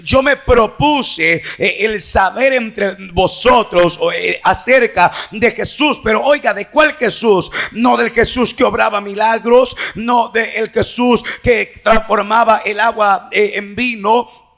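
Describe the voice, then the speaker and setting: A male pastor preaching an impassioned sermon, rising from quiet speech into shouted, half-sung cries and often calling out to the congregation. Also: sits high, slow pace, vocal fry, faint music behind. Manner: preaching with sung, shouted rises and frequent "hermano" asides.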